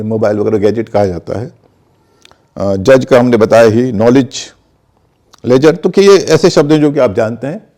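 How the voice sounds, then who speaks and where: A man's voice: mid-range voice, mellow. A man teaching English pronunciation in Hindi, methodically spelling words out and repeating examples. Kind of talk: explanatory lesson in conversation.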